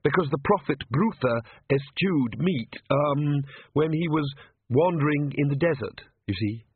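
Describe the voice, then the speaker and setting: A man's voice: fairly high pitch, animated, a little slow, husky, pitched above the performer's own voice. A man voicing a nervous, apologetic young priest who stammers and hesitates. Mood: fretful. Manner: stammering, hesitant, full of ums. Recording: tinny phone-like line.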